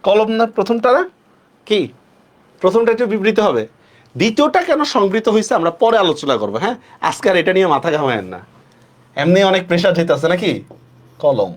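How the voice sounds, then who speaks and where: In an online class lecture, a male teacher with a fairly high, very animated voice drills rules slowly. He stretches words out when stressing rules and keeps asking students check-questions.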